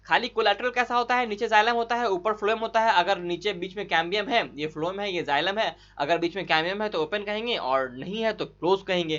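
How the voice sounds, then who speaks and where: A man tutoring biology for an entry exam, rushing through solutions in a chatty, coaxing way with frequent tag questions to his students. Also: high voice, fairly bright tone, highs cut off. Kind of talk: fast online exam-solution lesson.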